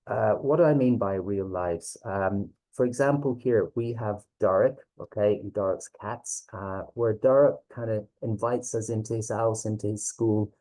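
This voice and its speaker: A man with a low, very mellow voice and a west of Ireland accent. He presents informally like a teacher, hesitating as he goes and often checking that listeners follow. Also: moderate pace, hardly any pauses, rough recording. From Galway, west of Ireland. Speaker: teacher presenting a reading series.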